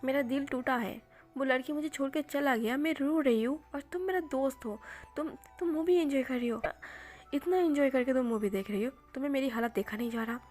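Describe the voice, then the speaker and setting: A woman's voice: high voice, a little fast, darkish tone, faint music behind. A woman voicing a weepy, whiny young man. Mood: whiny, tearful. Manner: whiny, sobbing complaints. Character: weepy heartbroken young man, clingy best friend.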